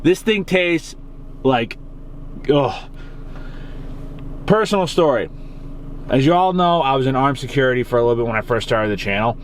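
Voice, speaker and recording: Parked in his car on a rainy day, a young Massachusetts man reviews a cigar in a casual, rambling vlog chat, swearing freely as he goes. He speaks in a mid-range voice at normal speed with long pauses, and there's slight background noise.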